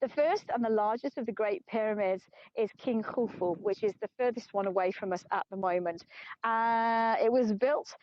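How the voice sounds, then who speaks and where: The speaker is a middle-aged woman from England guiding a live outdoor walking tour over an open plateau. She talks at a moderate pace in a fairly high voice, chatty and self-deprecating, often laughing, and audibly weary. A phone captures her in a dull, lo-fi stream with no room sound.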